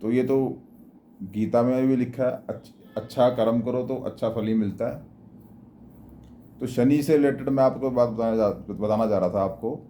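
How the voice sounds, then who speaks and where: A man's voice: medium pitch, normal speed, dark tone, slight background noise. A man giving plain, repetitive spiritual and astrology advice in a casual spoken manner, often restarting his words. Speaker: astrology and devotional speaker.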